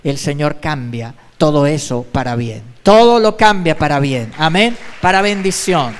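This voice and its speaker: A man's voice: fairly high pitch, expressive, measured pace, long reverb tail, a faint crowd, a little hiss or hum. A male pastor giving an emphatic sermon, repeating his exhortations. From Colombia. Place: church.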